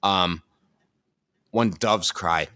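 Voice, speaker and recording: Low, bright-voiced rambling man. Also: extremely slow, clean tone, dry recording, studio quality. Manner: rambling, thinks aloud with many fillers. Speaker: podcast co-host; dancer. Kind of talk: casual chat.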